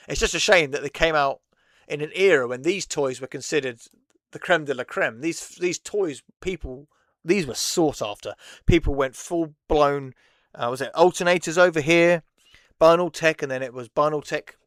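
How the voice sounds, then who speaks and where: A man's voice: fairly high pitch, fairly bright tone, no room sound, clean studio sound. A man hosting a casual chat, rambling and laughing often between thoughts. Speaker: host.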